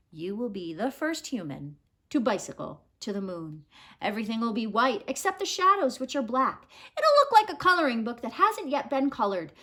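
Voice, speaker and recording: A woman with a high, lively voice reads a children's storybook indoors in a small home room. Her storytelling is expressive and animated, with words stretched out for effect.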